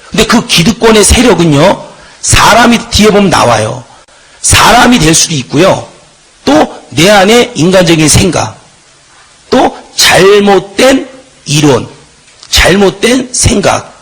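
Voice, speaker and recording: A man's voice: high-pitched, slightly rough, low-quality recording. A middle-aged man giving a Bible lecture, often putting rhetorical questions to his class. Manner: lively, emphatic lecturing. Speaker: Bible teacher.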